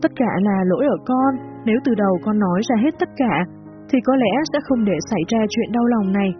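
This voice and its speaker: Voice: mid-range voice, brisk, muffled recording, faint music behind, lightly acted. A narrator voicing a sad, guilt-ridden young woman. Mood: remorseful.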